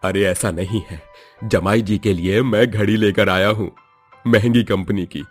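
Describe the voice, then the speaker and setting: A man doing a gentle, deep-voiced bride's father. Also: fairly even intonation, a little slow, slightly rough, faint music behind. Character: caring middle-aged father of the bride.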